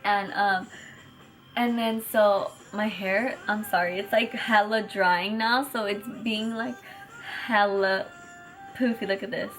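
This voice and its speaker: A young woman from chatting excitedly on camera at home, with lots of fillers and retold conversations. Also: mid-range voice, slow, faint music behind. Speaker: vlogger. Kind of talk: casual chat.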